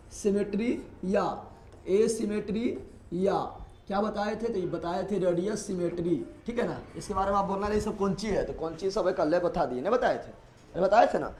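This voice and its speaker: A man's voice: high-pitched, darkish tone, slight background noise. A man teaching a live online biology class in with a lilt, repeating questions and answers to his students. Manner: repetitive call-and-response questioning.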